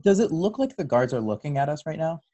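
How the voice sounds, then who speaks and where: A woman with a very deep, dark voice plays a tabletop game. Her casual talk is hesitant and measured. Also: very animated, dull audio, slight background noise.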